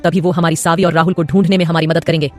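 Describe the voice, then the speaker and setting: A woman voicing a loyal, hot-tempered old male family retainer who scolds and shouts in an audio story. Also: low-pitched, little pitch movement, rapid-fire, soft background music, natural voice. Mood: earnest.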